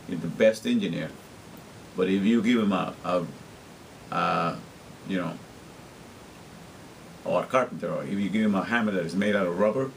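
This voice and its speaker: A middle-aged Guatemalan man, a vlogger whose first language is Spanish, speaks in a lowish voice over a faint hiss or hum, and the audio quality is poor. He talks earnestly and repetitively in a rambling personal monologue, frequently restarting his sentences.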